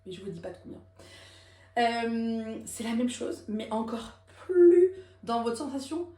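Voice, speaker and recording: A woman teaching a singing lesson, explaining technique and demonstrating high belted lines. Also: normal speed, darkish tone, roomy sound. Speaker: vocal coach.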